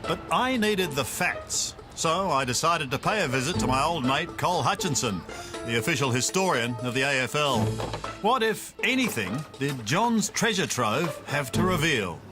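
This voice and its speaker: An older man narrating as a reporter in a wry, folksy manner with dramatic pauses. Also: a little high, sing-song, over music. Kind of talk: scripted narration.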